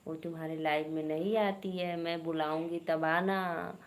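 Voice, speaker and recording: A woman's voice: low voice, steady tone, a little slow, a little hiss or hum. A woman with an Awadhi accent hosting a live stream, chatting casually and teasingly with viewers and greeting them by name.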